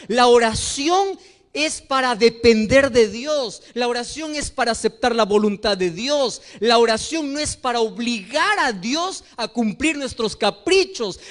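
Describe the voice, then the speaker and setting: A man preaching a sermon as pastor, animated and acting out the voices of people in his stories. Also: very high-pitched.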